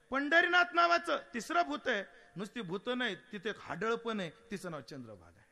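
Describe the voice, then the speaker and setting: A man preaching a devotional kirtan sermon, animated and humorous, asking rhetorical questions and breaking into sung verses. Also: very high-pitched.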